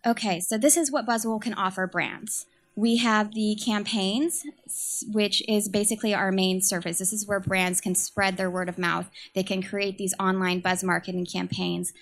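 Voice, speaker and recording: Quiet-voiced and nervous, a young San Francisco woman pitches her startup as its communications manager, stumbling over many ums and uhs. She keeps a steady tone at a moderate pace.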